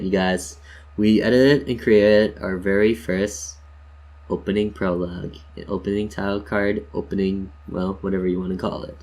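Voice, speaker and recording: Hosting a laid-back instructional screen-share, a man speaks in a lowish, somewhat mellow voice. He keeps it jokey, addressing "you guys" and guiding them step by step as if just chatting.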